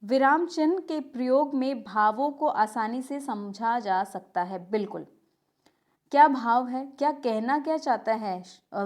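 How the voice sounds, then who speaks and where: A woman's voice: a little high, a little mellow. A woman teaching a grammar lesson to exam students, narrating over a shared screen and often asking a question and answering it herself. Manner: repeats key terms as questions and answers them, says "ठीक है" often.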